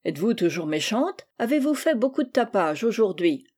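A woman voicing a frank, gruff but kindly old man in a storybook reading, blunt and stern. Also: mid-range voice, very animated, moderate pace, a little mellow. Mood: teasing.

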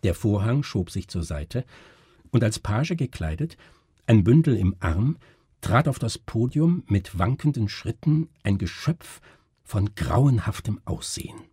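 A man narrating a literary story in a measured, expressive way. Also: lowish voice, slightly rough, no room sound, clean studio sound. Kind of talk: literary audiobook reading.

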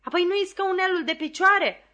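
A woman reading an audiobook aloud and voicing a bustling, scolding young nursemaid who exclaims loudly. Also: a little high, animated. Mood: exclaiming.

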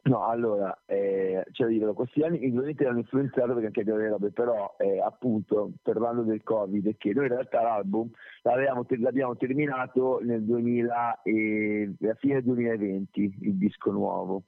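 A man's voice: on the low side, fairly even intonation, normal speed. A man who sings in a band answers interview questions over a phone call, talking in a loose, rambling way and correcting himself as he goes. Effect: heard over a phone call. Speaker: singer of a band, interview guest. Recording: tinny phone line.

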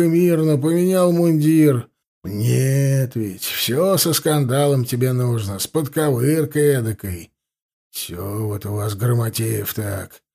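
A man voicing a good-natured middle-aged captain who scolds gently and easily. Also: mid-range voice.

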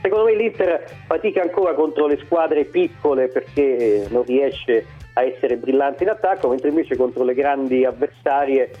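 A man's voice: medium pitch, moderate pace. Tinny phone audio, male football pundit, casual analysis, mid-range voice, faint music.

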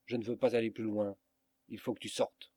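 A man voicing a greedy old rope-maker who shouts possessively, in a storybook reading. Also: on the low side, flat delivery, a little fast, no echo, close to an everyday voice. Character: greedy old male rope-maker, frenzied over gold.

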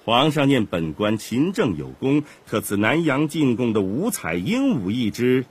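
An actor playing a pompous, evasive imperial governor in a radio play, haughty but stammering when caught out. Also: male voice, medium pitch, sing-song, measured pace, breathy edge, exaggerated voice.

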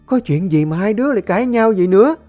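A storyteller voicing a cruel, domineering older mother-in-law who scolds and shouts. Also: medium pitch, expressive, fast talker, soft background music, pitched above the performer's own voice, lightly acted. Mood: scolding.

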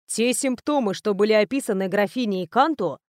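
A woman reading the part of an earnest, lovesick young male knight-mage in an audiobook, speaking quietly, seriously and pleadingly. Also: medium pitch, moderate pace, no room sound, clean studio sound, close to an everyday voice.

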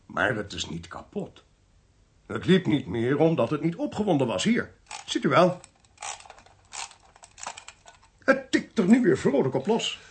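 A male actor plays a curious, good-natured amateur sleuth in a radio play, his husky, gravelly voice on the high side with big pitch swings and an expansive, teasing manner. He sounds intrigued, talks at a moderate pace, and there's slight background noise.

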